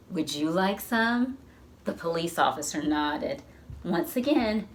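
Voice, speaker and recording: With a lowish voice and slight background noise behind her, a woman reads a picture book to young children at a library storytime. Her delivery is slow, animated and expressive, and she poses questions to the kids.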